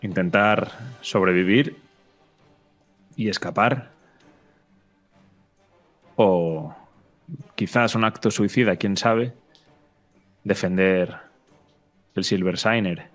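A man narrating a tabletop role-playing game as game master, in a measured, dramatic way. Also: low-pitched, soft background music.

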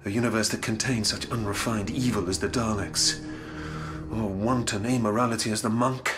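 A man's voice: lowish voice, fairly even intonation, moderate pace, music in the background, close to an everyday voice. Man acting bitter, brooding Lord, the Doctor. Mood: desperate, defiant. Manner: sarcastic, intense, brooding. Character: bitter, grief-stricken alien Time Lord grandfather. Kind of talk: full-cast audio drama acting.

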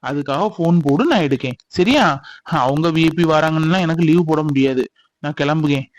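A man's voice: on the high side, expressive, moderate pace, dry recording, lightly acted. A man playing a stubborn, bitter middle-aged father in a family drama skit, speaking bluntly. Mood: stern. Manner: blunt, grumbling.

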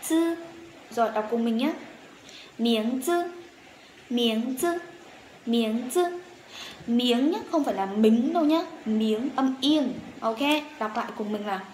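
Woman, language teacher, slow repeat-after-me drilling, echoey room with faint noise. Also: fairly high pitch. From Vietnam. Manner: drills words slowly and repeats them several times.

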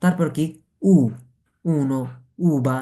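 Drawing out his words in a mellow voice on the high side, a man walks beginners through Italian pronunciation in Bengali, letter by letter, asking questions and answering them himself.

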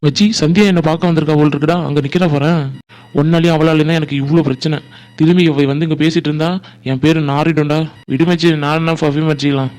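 A man's voice: fairly high pitch, level tone, fast talker, a little mellow, faint music behind, close to an everyday voice. A man playing a young college man who trades brash, bickering banter with his friend. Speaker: college student. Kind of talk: village family drama acting.

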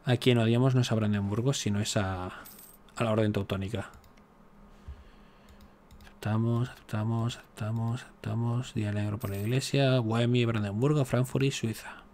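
A man's voice: lowish voice, steady tone, fairly quick, darkish tone. Joking man narrating his strategy game. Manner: chatty, joking, exasperated asides to the game. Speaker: gaming YouTuber. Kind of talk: casual let's-play commentary.

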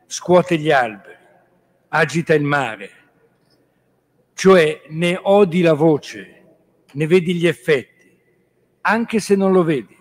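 Slow, measured priest giving a reflection. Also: male voice, on the high side. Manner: measured and reflective, restating points with 'cioè'. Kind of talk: spiritual reflection on scripture.

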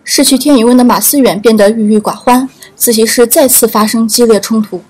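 A woman's voice: a little high, steady tone, brisk, a little mellow, breathy edge, rough recording. A woman reading scripted trailer narration for a youth variety show. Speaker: promo narrator. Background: background music.

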